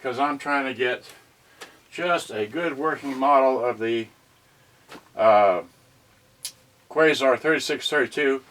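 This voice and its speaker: Slow and full of long pauses, a man with a mid-range, fairly bright voice rambles through an unscripted home livestream about unboxing cassette radios. He's folksy and scattered, muttering asides to himself, in a cramped indoor setting.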